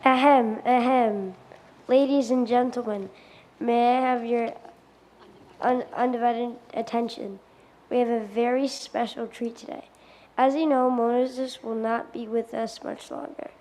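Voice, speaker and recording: A woman's voice: fairly high pitch, flat delivery, a little slow, warm tone. A woman reading scripted narration aloud in an amateur play, stumbling now and then over words. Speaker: reader in a congregational skit.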